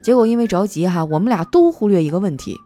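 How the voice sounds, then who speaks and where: Chatty woman telling office stories, mellow voice, bouncy pitch, faint music behind. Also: lively intonation, fast talker. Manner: chatty, playful, acts out quoted coworkers. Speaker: host. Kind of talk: comic storytelling monologue.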